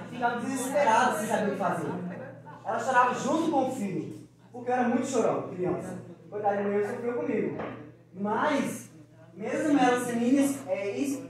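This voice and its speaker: A man giving an informal motivational talk to mothers at a school. He speaks in a chatty way and acts out little family dialogues. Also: extremely high pitch. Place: large school hall with an audience. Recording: very echoey hall, mic far off, crowd.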